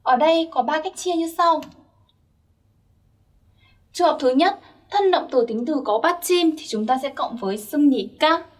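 High-voiced young woman teaching grammar. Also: unhurried, pauses often, distant mic. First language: Vietnamese. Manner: patient, checks in with listeners often. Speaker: Korean language teacher. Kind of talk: explaining grammar step by step.

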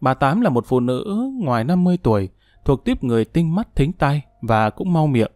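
A male audiobook narrator reading a drama in a steady storytelling voice. His pitch sits in a plain middle range, the sound dry and close, with soft music under it. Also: moderate pace, no echo.

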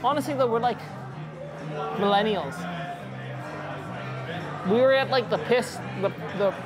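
Young guy joking around with his buddy over beers, high-pitched, music going behind. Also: unhurried, crowd noise. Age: young adult. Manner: animated, joking, rambling storyteller. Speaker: friend and co-host. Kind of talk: casual chat. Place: dim brewery taproom, indoors. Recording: music clearly underneath. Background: music playing.

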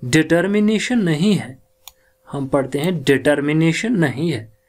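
A man teaching English word stress, sounding out words slowly syllable by syllable and mixing Hindi with English. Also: fairly high pitch, lively intonation, a little mellow. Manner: mixes Hindi and English in explanations. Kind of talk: classroom lecture on word stress.

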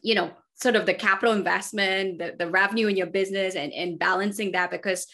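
A woman's voice: mid-range voice, fairly even intonation, fast, bright, forceful tone. A young woman from Malaysia hosting an interview over a video call, affirming her guest and asking long, carefully framed questions. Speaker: host. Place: home room.

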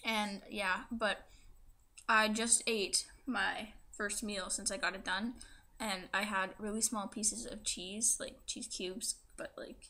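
Bright young woman with a fresh tongue piercing. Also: medium pitch, steady tone, takes it slowly. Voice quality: speech slightly affected by a new tongue piercing. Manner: hesitant, filler-heavy, peppered with "like". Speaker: vlogger. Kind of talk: casual chat to camera. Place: small room indoors.

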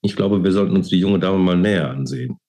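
Fields: Figure: gruff secret-police sergeant read by a man. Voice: low, dark. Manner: curt, harsh. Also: fast, natural voice. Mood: suspicious. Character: gruff Gestapo sergeant, blunt and menacing.

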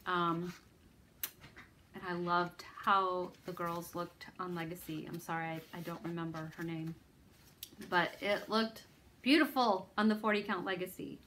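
A woman's voice: fairly low pitch, fairly bright tone, a little hiss or hum. A woman hosting a needlework video, chatting casually about her stitching projects in a rambling, self-deprecating way. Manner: rambling, self-deprecating, lots of ums and restarts.

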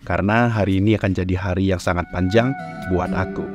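A man narrating his travel vlog in a calm, reflective scripted voice-over. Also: sits low, fairly quick. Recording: voice-over over loud music.

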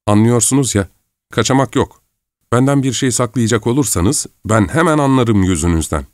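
A man's voice: mid-range voice, animated, moderate pace, a little mellow, no echo, close to an everyday voice. A man reading the part of a bashful young woman who protests and pleads in fright, in a dry, close recording. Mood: curious, teasing.

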